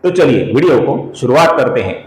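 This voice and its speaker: Man, spiritual teacher, Sanskrit pronunciation lesson, slow deliberate chanting, earnest, echoey room. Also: mid-range voice, very animated. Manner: slow deliberate chanting of verses, explaining sounds; addresses viewers as friends, earnest and instructive. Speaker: spiritual teacher and channel host.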